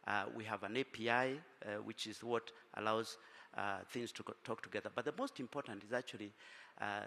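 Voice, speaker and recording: A man's voice: on the low side, brisk, bright, forceful tone. A man speaking as a panelist, businesslike, with many fillers and restarts. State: tired from little sleep. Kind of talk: panel discussion answer. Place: conference hall. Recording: reverberant conference hall.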